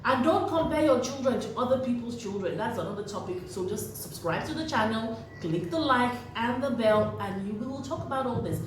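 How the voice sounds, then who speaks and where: Talking to the camera in an earnest, preachy tone, this parenting vlogger repeats her key phrases to drive them home. Her high voice is lively and fairly quick, with hardly any pauses. The recording is made from a distance in a very echoey room and carries faint noise.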